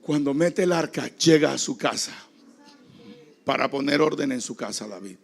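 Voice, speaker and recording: Gravelly-voiced man preaching a sermon. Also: medium pitch, normal speed. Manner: dramatic preaching, acting out quoted voices, shouting peaks. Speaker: pastor. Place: church.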